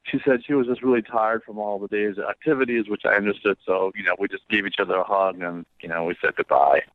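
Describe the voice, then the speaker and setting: A man's voice: fairly low pitch, steady tone, fast, dry recording. A man calling into a radio show, speaking hesitantly and in a subdued way, with many fillers. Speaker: caller. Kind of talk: casual phone conversation. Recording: tinny phone line.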